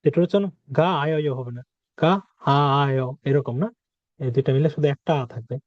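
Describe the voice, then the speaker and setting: A man teaching a language lesson, saying words slowly and repeating them to drill their sounds. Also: medium pitch, no echo. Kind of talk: spoken lesson. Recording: dry, dull lo-fi sound.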